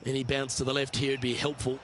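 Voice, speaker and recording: A man working as a golf commentator, calling shots in measured, understated sportscaster remarks for a video game. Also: mid-range voice, flat delivery, background noise, lightly acted. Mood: measured, encouraging. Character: polished male golf commentator calling each shot. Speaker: golf commentator, lead announcer.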